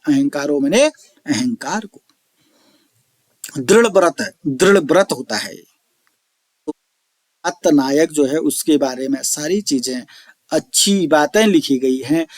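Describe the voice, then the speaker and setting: Guy teaching an online class real slow, repeats every word he explains, dry close mic. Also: fairly high pitch, dry recording. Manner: slow, repeats and explains each term, recites verse lines drawn out. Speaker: Sanskrit teacher. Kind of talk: online lecture explaining verses.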